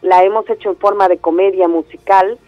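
A theatre company director from Andalusia, Spain, whose Spanish accent has a Mexican tinge, talks eagerly in a phone interview, full of fillers and false starts. Heard through a muffled telephone line, her mellow, medium-pitched voice is fairly even and a little fast, with no room sound.

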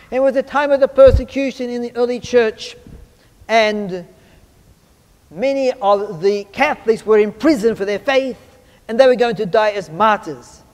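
A man preaching a simple, earnest sermon to children as a priest, speaking deliberately with pauses. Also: high-pitched, a little mellow. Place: church. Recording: reverberant church hall.

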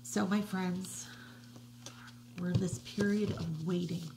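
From her living room, a children's religious educator in middle age reads a picture book to kids in a slow, hushed voice that occasionally falls to a gentle whisper. Her tone is steady, a bit low and gravelly. A webcam at desk distance records her, with a faint hiss in the background.

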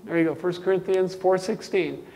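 An older man, a pastor preaching a sermon, emphatic, dropping to quiet asides and rising to loud exclamations. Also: high voice, steady tone, normal speed, long reverb tail.

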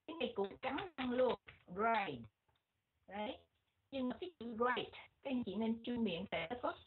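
A woman with a Vietnamese accent teaching English pronunciation, repeating words slowly and switching between English and Vietnamese. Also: fairly high pitch, lively intonation, breathy edge. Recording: muffled, phone-like lo-fi audio.

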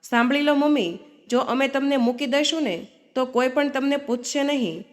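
A woman's voice: high voice, moderate pace, natural voice. A woman voicing a grown son who speaks curtly and accusingly to his mother and sister, in a storybook reading. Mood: harsh. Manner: curt, accusing. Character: harsh, disrespectful grown son.

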